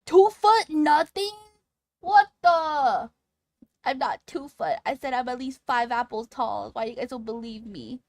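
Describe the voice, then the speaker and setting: A woman livestreamer chatting casually with her audience in a cute, playful, excitable anime-streamer manner. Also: high voice, unhurried, dry recording. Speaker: livestreamer talking to chat.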